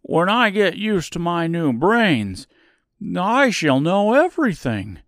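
Eager straw scarecrow, loud and high-pitched, voiced by a male narrator, storybook reading, dry sound. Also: sing-song, slow pace, no echo, full character voice. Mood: earnest. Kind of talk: audiobook character voice.

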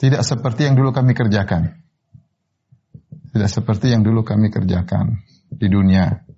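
A man giving a sermon on Quran verses, explaining Arabic word forms slowly with many repetitions and rising sharply in pitch to stress a point. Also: fairly even intonation, mellow, slightly rough. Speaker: Islamic preacher. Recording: slightly dull, muffled recording.

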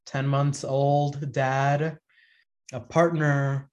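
A man's voice: medium pitch, little pitch movement, very slow, highs cut off. Man, 30s, podcast guest, reflective, rambling, casual chat. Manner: reflective, rambling with many likes and restarts. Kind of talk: casual conversation.

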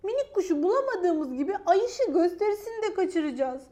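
A woman's voice: very high voice, very animated, a little fast, voice pushed up. A woman doing an eager little storybook creature. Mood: worried. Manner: bright, eager and reassuring. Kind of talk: storybook character voice.

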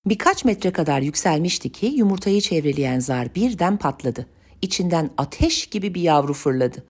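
A woman narrating a storybook tale in an even, measured reading voice. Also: lowish voice, slightly rough.

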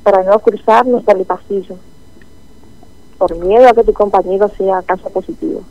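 A woman's voice: medium pitch, fairly even intonation, moderate pace. A woman telling her experience in an interview, earnest and emotional. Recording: dull lo-fi line.

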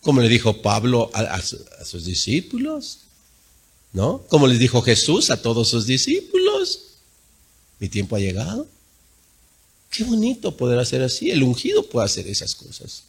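A male pastor delivering a sermon, swinging between loud emphatic peaks and low quiet asides. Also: huge pitch swings, normal speed, breathy edge.

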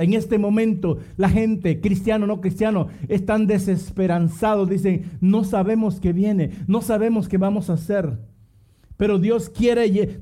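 A man's voice: high voice, a little mellow. A man preaching a fervent sermon, calling on his listeners to repeat phrases after him and dropping in English exclamations.

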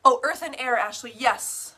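Her voice is on the high side, sharp and husky, at a normal speed. As an online group host and business coach on a livestream, she greets viewers with bubbly, theatrical whoops and pet names, drops casual swears, and checks in with "right?" and "okay?".

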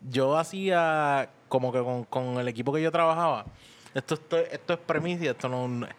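A Puerto Rican man co-hosting a podcast, telling a funny story in a casual, animated way and acting out the voices. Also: medium pitch, normal speed. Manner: animated, laughing, acts out voices in anecdotes. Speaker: podcast co-host.

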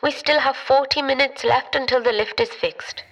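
An actress playing a chatty, excitable woman who runs a lift, with a gasping manner. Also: sits high, moderate pace, poor audio. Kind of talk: radio drama acting.

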